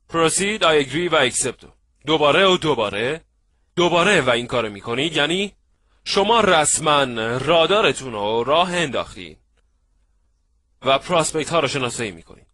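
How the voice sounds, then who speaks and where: Lively, bright-voiced man lecturing. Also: on the high side. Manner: lively, acts out little scenes, asks the audience if they follow. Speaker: networking trainer. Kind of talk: animated seminar lecture.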